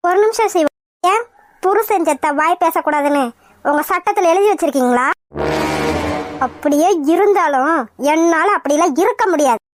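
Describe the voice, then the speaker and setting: A woman's voice: extremely high pitch, moderate pace, pauses often, background noise. A woman voicing a young widowed doctor in a cartoon, speaking earnestly and defiantly. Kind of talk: cartoon voice acting.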